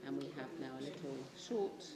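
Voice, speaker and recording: A woman from a church panel, speaking in a gentle, encouraging way. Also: a bass voice, a little fast. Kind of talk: casual panel conversation. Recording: roomy church with crowd noise.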